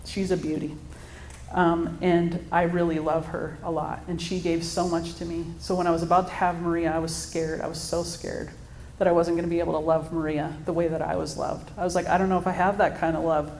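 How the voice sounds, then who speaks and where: A woman's voice: lowish voice, little pitch movement, a little fast, darkish tone, a little hiss or hum. A woman in her thirties giving a heartfelt faith talk at an event, telling personal stories with occasional laughs. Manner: earnest, storytelling, laughs now and then. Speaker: speaker at a mother-daughter church event. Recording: echoey room with faint ambience.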